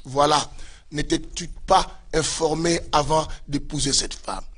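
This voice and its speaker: Male pastor, fervent sermon delivery, high bright voice, slightly husky. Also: a little slow. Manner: fervent preaching with repeated direct address to listeners.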